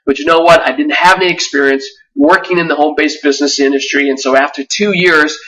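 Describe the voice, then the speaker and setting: Bright-voiced man pitching a webinar, mic distant. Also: steady tone, fast talker. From Vietnam. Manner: earnest, with frequent fillers and restarts. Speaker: webinar presenter.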